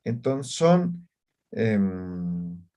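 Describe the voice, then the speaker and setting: A man's voice: lowish voice, big pitch swings, extremely slow, warm tone, highs cut off. A man teaching an online language class over a video call, who checks in often with short questions.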